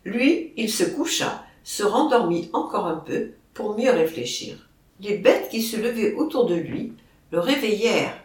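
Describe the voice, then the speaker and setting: A reader narrating a novel in a measured, expressive storytelling manner. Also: medium pitch. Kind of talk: audiobook narration. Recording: roomy, distant mic.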